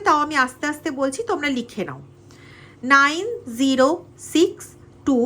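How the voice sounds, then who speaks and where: A woman's voice: high-pitched, bright, forceful tone. A middle-aged woman with a Bengali accent giving an earnest tarot reading, speaking straight to the listener with coaxing asides. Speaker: tarot reader. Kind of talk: tarot reading monologue to viewers.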